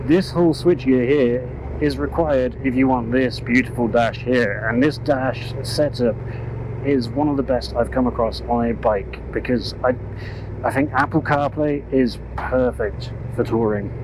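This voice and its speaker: A man's voice: mid-range voice, measured pace. A man riding a motorcycle, giving a casual, chatty ride-along review through his helmet headset mic. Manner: casual, chatty, self-correcting. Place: on a motorcycle on country roads, outdoors. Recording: road noise from a moving motorcycle. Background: road and vehicle noise.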